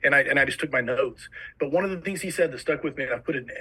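A fire service instructor with a New Jersey accent tells stories eagerly and rapidly as a guest in a casual podcast conversation. His mid-range voice is bright, forceful and slightly rough, and the audio quality is poor.

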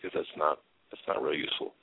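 A man's voice: fast, no room sound. A man hosting a casual advice chat, stressing key words by repeating them. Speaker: talk show host. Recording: narrow phone-like sound, dry.

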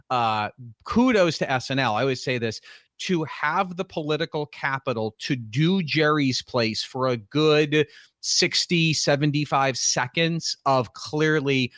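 A man's voice: medium pitch, measured pace, fairly bright tone, dry recording, clean studio sound. Enthusiastic rambling podcast man. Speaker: podcast co-host. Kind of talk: casual recap chat.

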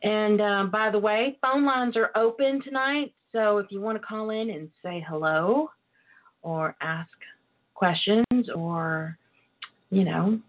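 A woman's voice: medium pitch, takes it slowly. A woman hosting a radio talk show in a flirty, casual way, coquettishly drawing out words for emphasis. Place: internet call-in radio show over a phone line. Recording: tinny phone-line radio sound.

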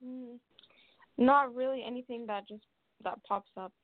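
A woman calling in by phone to a radio show, hesitant and quiet, answering slowly and spelling out her name. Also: fairly high pitch, steady tone, no echo. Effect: phone line into a radio show. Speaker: caller. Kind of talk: call-in chat. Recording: tinny dry phone line.

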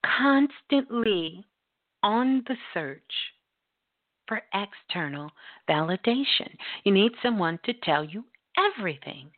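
Woman, radio host, casual monologue, unhurried, phone-like sound. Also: mid-range voice, very animated. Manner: emphatic and blunt, with casual swearing. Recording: tinny phone-line sound.

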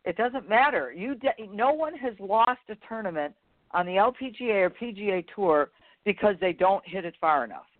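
A woman's voice: medium pitch, expressive, moderate pace. A woman golf instructor co-hosting a show, talking frankly and bluntly in casual chat. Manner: frank, blunt teaching talk. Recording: tinny phone-like sound.

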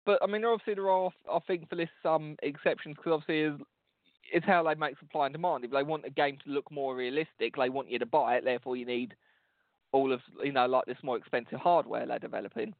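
A man talking casually and hesitantly as a prank caller, polite and deadpan as he rambles. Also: on the high side, fast talker, no echo, narrow, tinny audio. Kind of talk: casual improvised prank call.

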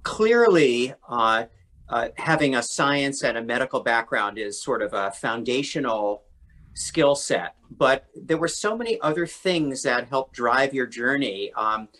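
A man's voice: medium pitch, lively intonation, measured pace, fairly bright tone. A man hosting an interview, summarizing a guest's points with appreciative, hesitant phrasing. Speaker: interview host.

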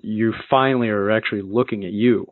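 A man's voice: on the low side, steady tone, fairly quick, no echo. A man hosting an interview, reflecting on what his guest said and affirming it, with frequent restarts. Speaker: interview host. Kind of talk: conversational interview. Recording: dry, phone-like audio.

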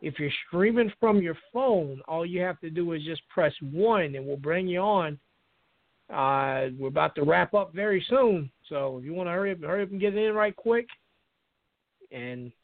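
A man hosting a call-in radio talk show, speaking in a halting way and often repeating his words. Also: fairly high pitch, no room sound. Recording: dry, tinny phone-line sound.

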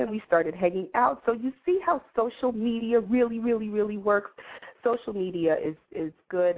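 A woman hosting a morning show in a casual, chatty way, addressing listeners familiarly. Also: medium pitch. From New York City, USA. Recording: tinny, phone-like internet radio line.

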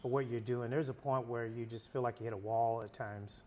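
A man's voice: medium pitch, fairly even intonation, brisk, a little mellow, a little hiss or hum. A man hosting an interview, asking long rambling questions and backing the guest with constant short affirmations. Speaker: interview host. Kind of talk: casual interview talk.

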